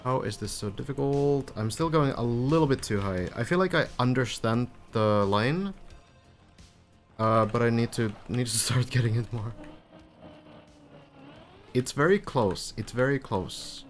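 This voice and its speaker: On a live stream, a Finnish man, a native speaker, chats casually while commenting on a game and answering viewers with light laughs. He's relaxed and unhurried in a mid-range voice, with faint music behind him.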